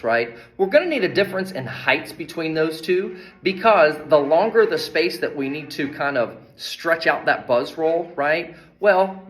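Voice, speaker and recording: A man's voice: fairly high pitch, a bit bright. A man teaching percussion rudiments, explaining each exercise, counting beats aloud and often adding "right?". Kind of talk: instructional demonstration. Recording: drums playing between spoken lines. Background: drum playing.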